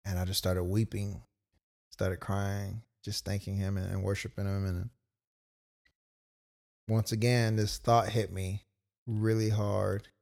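A young man co-hosting a podcast tells a personal story in a loose, laid-back way, filling it with "like"s and quoted asides. His voice is fairly low and darkish, with vocal fry and a flat delivery. He speaks unhurriedly and pauses often.

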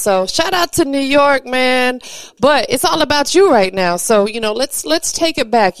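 Enthusiastic radio host with a higher, smooth voice, dry close studio mic. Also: female voice, dry recording. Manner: bubbly, enthusiastic, quick to laugh. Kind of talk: upbeat radio interview.

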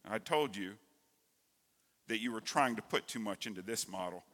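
A man's voice: lowish voice, normal speed, fairly bright tone. A man voicing a skeptical female angel in an earnest storybook reading, heard in an echoey church hall. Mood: reproachful. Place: church sanctuary.

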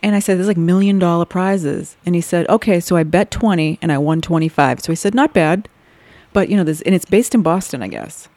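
A woman's voice: lowish voice, a little fast, darkish tone, no room sound. A middle-aged woman chats casually as a co-host. Her voice sounds strained and slightly fried, recorded close and dry. She is wry and teasing. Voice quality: strained voice with vocal fry. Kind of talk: casual banter.

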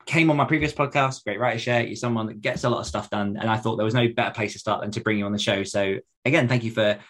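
Fast-talking man hosting, with mic hiss. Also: fairly low pitch. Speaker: podcast host, interviewer. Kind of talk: casual interview chat. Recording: steady hiss on the microphone.

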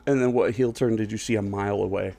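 Hiccuping his way through a casual wrestling podcast, this co-host rambles, poses questions and trails off mid-thought. His voice is on the low side, gravelly and mellow, with a steady tone and a fast pace.

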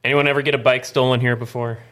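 A man's voice: medium pitch, little pitch movement, fast talker, a bit bright. A man co-hosting a casual movie chat in a studio, easygoing and saying yeah a lot. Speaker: podcast co-host.

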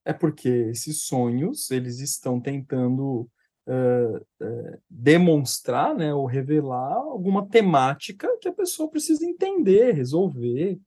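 Brazilian man, therapist co-host, casual chat, animated storytelling, lots of restarts. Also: medium pitch, a little slow, breathy edge. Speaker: psychotherapist podcast co-host.

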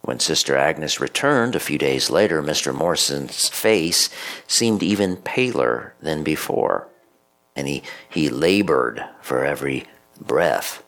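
A man, a pastor, reading scripture and a story in a measured, solemn homily. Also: very deep voice, animated, fairly bright tone.

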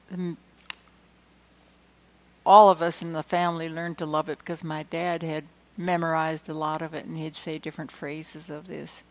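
A woman reading poems aloud with dramatic emphasis, slowing and swelling on key lines, with hesitant asides between poems. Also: deep voice, low-quality recording. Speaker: poetry reader.

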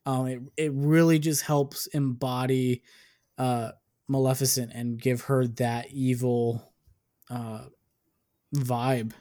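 A man co-hosting a film podcast who speaks slowly and deliberately, with a middle-pitched voice. His remarks are dry and measured, and he takes his time as he weighs a film's strengths. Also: little pitch movement, warm tone. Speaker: podcast co-host. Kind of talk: casual film review chat.

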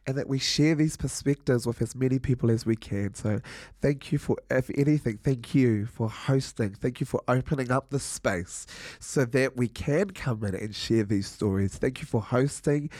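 Earnest halting Māori-accented man, dry sound. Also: mid-range voice, darkish tone, dry recording. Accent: New Zealand Māori English. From Northland, New Zealand. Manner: earnest, halting, many fillers and restarts. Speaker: podcast guest, musician. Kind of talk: reflective interview talk.

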